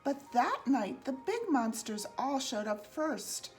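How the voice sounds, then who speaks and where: A woman with a fairly high voice reads a rhyming picture book to children. Her delivery is expressive and singsong, with big swoops in pitch and an unhurried pace. Music plays along with the reading. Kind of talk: read-aloud children's storytelling in rhyme.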